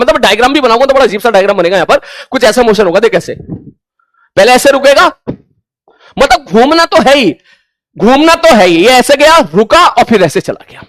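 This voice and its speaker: High-pitched guy lecturing his online class, blunt and stern, dry close mic. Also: a bit bright, no room sound. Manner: stern, blunt, repeats himself for emphasis. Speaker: online physics teacher.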